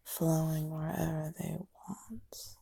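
A woman whispers an ASMR hypnosis in an unvoiced hush. Her delivery is extremely slow and even, with little rise and fall. The whisper is husky and warm. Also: sits low. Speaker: ASMR performer.

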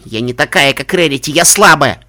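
A man voicing a young female pony who is desperate and doubts herself, shouting and crying. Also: a little high, expressive, brisk. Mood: whimpering.

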